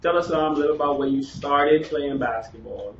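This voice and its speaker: Speaking a little fast in a somewhat high voice, a Bahamian interview host keeps a sports chat casual and talkative, full of fillers and repeated words. The audio is distant and roomy, dull, with a bit of noise.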